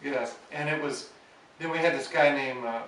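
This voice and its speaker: A man's voice: mid-range voice, moderate pace, a bit bright. A man casually chatting about his album, rambling with many fillers and restarts. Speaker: musician discussing his album. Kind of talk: casual chat. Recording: roomy, distant, with faint hiss.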